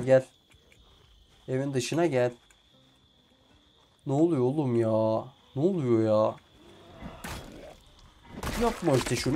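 A man's voice: medium pitch, warm tone, a little hiss or hum. Swearing Turkish-speaking gamer man. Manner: frustrated, swears at the game often; talks to himself and the characters. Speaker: gameplay streamer. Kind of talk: casual let's play commentary.

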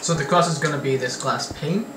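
A man's voice: on the high side, a little fast. A young man hosting casual gameplay chat, joking, laughing and swearing freely. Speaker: gaming channel host. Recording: echoey, far from mic, noisy.

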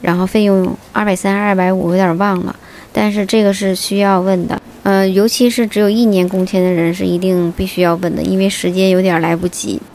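A woman vlogger answering viewer questions in a steady, informative voice-over, linking her points with many small fillers. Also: medium pitch, a little fast, a little hiss or hum. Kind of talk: casual explanatory voice-over.

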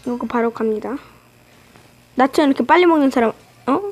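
A woman with a high, light voice talks through a match as she plays, cheerfully teasing her opponents. Her delivery is loose and chatty, like live game commentary on her own channel. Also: a little fast, soft background music, poor audio. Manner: playful, teasing trash talk at opponents. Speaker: gaming channel host.

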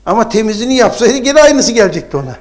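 A man with a high voice gives a storytelling sermon. He acts out the characters' exchanges and moves between quiet, hushed passages and loud, emphatic peaks. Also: quick pace. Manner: animated, acts out dialogue, swings from hushed to loud. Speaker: preacher.

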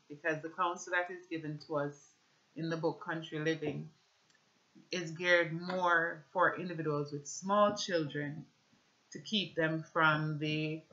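Talking to camera from a small indoor room with shelves at home, a Jamaican woman shares a faith testimony and reads scripture over a webcam. The low-pitched voice comes through bright and clear-cut, but the lo-fi audio is kinda dull.

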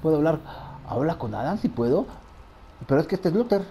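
Frantic gamer talking to himself. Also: male voice, a little high, very animated, fairly quick, warm tone, slight background noise. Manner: frantic, talks to himself, repeats words. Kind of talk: let's play commentary.

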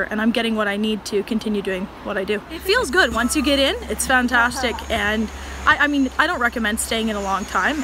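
A woman in her thirties speaking casually in an outdoor interview as an endurance athlete. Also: fairly high pitch. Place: outdoors on a frozen lake. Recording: noisy outdoor location with wind and ambience.

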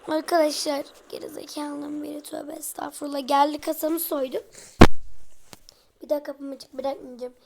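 A woman with a talks to her viewers in a high voice. She sounds chatty and exasperated, and she keeps throwing jokey asides to the people watching. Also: flat delivery, brisk, vocal fry, hardly any pauses, background noise. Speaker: vlogger. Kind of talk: comedic role-play vlog.

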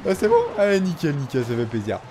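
A tired man casually commenting on his own game, excitable and talking to himself and his opponent. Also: on the high side, fast talker, background noise. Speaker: gaming video host.

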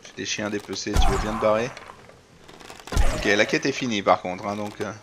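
Low-voiced man narrating gameplay. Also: fairly even intonation, normal speed, noisy background. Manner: chatty, mutters to himself, addresses viewers. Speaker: let's play host. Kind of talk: casual gameplay commentary.

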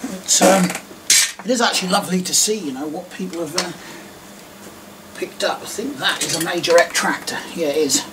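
A middle-aged man from England, a diecast collector vlogger, rambles casually while sorting a box of toy cars at an indoor desk, tossing in self-mocking asides. His voice sits high at a normal speed, and the distant mic catches clicks, clatter and heavy noise.

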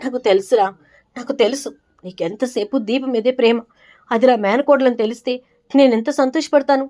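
A woman's voice: fairly high pitch, brisk, mellow, close to an everyday voice. A woman voicing a resentful mother-in-law who speaks harshly.

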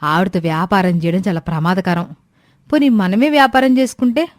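A woman's voice: medium pitch, brisk, no echo, studio quality, close to an everyday voice. A woman voicing a carefree young daughter-in-law in a cartoon story, chatty and easygoing. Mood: eager.

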